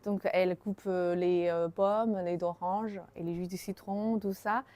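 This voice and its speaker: A woman's voice: fairly low pitch, steady tone, unhurried, dark tone. Woman, hesitant. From China. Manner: simple, slightly broken French with hesitations. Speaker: tea shop manager. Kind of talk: casual interview answers.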